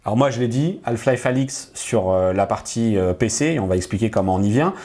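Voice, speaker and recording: A man hosting a casual tech chat, agreeable and talkative, filling gaps with quick agreement. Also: on the low side, a little mellow. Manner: chatty, agreeable, frequent ouais. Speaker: tech show host.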